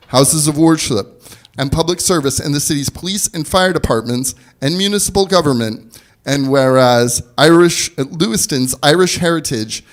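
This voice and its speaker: A man with a slightly high voice presides over a civic meeting as mayor. He speaks in a formal public-address style, as if to a council room.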